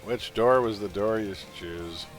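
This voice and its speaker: A man's voice: on the low side, a little slow, over music. Joking man hosting a stream trivia quiz. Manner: joking, sarcastic asides between questions. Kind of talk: casual livestream quiz hosting.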